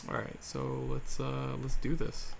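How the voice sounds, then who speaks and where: A man's voice: medium pitch, flat delivery, a little slow, gravelly, noisy background. A man hosting a livestream, chatting casually and joking crudely. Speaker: livestream host. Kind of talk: casual chat.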